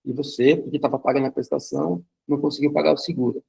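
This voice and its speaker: Gravelly-voiced man teaching a class. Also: medium pitch, steady tone, quick pace, warm tone, low-quality recording. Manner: conversational, uses vivid hypothetical examples; frequent checking fillers. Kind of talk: recorded lecture.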